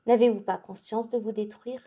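Woman doing a quiet, grave young monk. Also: a little high, moderate pace, close to an everyday voice. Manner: quiet, calm, restrained. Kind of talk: dramatic audiobook reading.

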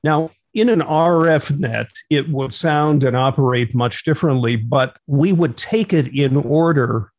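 This middle-aged host runs an instructional radio net as net control operator, working through it in an orderly, procedural way on a video call from his small home room. His medium-pitched, darkish voice keeps a measured pace with hardly any pauses, free of echo.

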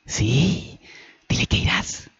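Un hombre dando voz a Annie, una joven amiga insistente y burlona que da órdenes con desparpajo. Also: male voice, mid-range voice, steady tone, takes it slowly, dark tone, breathy edge, no room sound, lo-fi sound. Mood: teasing. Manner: teasing, insistent and bossy. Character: Annie, pushy cheerful young woman friend.

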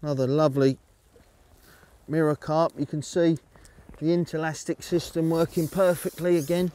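A middle-aged man calmly explaining his fishing method outdoors at a lakeside, speaking steadily into a lapel mic. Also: fairly high pitch, normal speed, clear, resonant tone. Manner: calm, steady, explaining as he fishes. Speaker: angling coach.

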